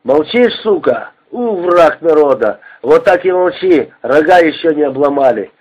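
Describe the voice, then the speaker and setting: Hoarse tenor convoy chief barking orders, read by a man, husky, dull lo-fi sound. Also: a little high, lively intonation, a little slow. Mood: commanding. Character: hoarse bossy male camp convoy chief. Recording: dull lo-fi recording.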